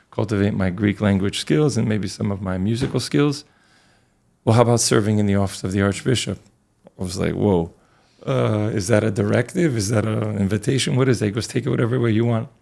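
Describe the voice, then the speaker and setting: Middle-aged priest, deep gravelly voice, earnest and relaxed when he recounts his past. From Connecticut, USA. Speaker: priest, guest. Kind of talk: conversational interview storytelling.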